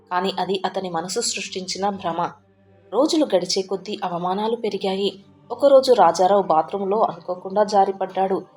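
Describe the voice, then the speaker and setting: Woman narrating a heartfelt family story. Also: medium pitch. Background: soft background music.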